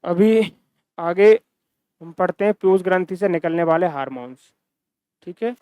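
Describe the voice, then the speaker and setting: A man's voice: sits high, expressive, moderate pace, a little mellow, clear, resonant tone, no echo. A man teaching a science lecture, repeating key terms and asking and answering his own questions. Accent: Hindi-speaking Rajasthan region. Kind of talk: recorded classroom-style lecture.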